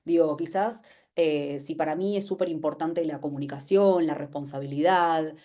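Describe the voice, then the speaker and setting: Speaking at normal speed with a warm, low-pitched voice, this webinar presenter has an Argentine accent. Her explanatory talk is informal and conversational, filled with rhetorical questions and imagined remarks she voices herself.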